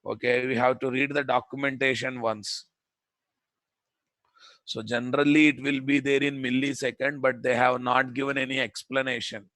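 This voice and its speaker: A man's voice: mid-range voice, flat delivery, normal speed, fairly bright tone, no room sound. A man with a Telugu Indian accent teaching a live programming class as the instructor, repeating his phrases and checking that students follow. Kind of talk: live technical lesson.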